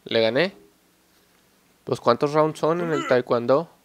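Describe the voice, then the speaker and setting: A young man giving excited, joking gameplay commentary and swearing at his opponents. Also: mid-range voice, a little slow, slight background noise. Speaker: gameplay channel host.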